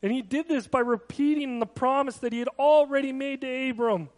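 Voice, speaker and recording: Male pastor, very high voice, earnest conversational sermon, long hall reverb. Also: a little fast. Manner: earnest, conversational preaching with personal asides.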